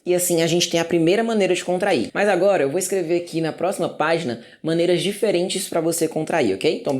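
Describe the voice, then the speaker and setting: A man from Brazil teaching an English grammar lesson in a casual classroom style. He talks to the viewers, says key words slowly and often checks in with "ok?". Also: fairly high pitch, darkish tone. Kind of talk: casual classroom explanation at a whiteboard.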